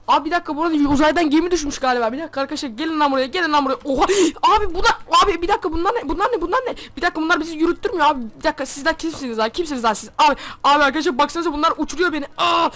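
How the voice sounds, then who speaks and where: A young man giving excitable game commentary as a youtuber, often yelling and talking to his viewers. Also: extremely high pitch. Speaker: gaming youtuber.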